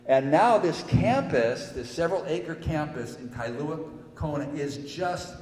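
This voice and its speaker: A man's voice: on the high side, lively intonation, measured pace, darkish tone. An older man preaching a sermon in a church, rambling with many fillers and rising to emphatic peaks. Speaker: pastor. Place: church hall. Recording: echoey hall with long reverb.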